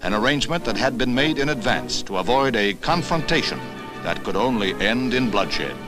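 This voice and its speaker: A man narrating an old 1960s newsreel in a formal, measured announcer's delivery. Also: medium pitch, big pitch swings. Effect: old newsreel voice-over. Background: music score under the narration.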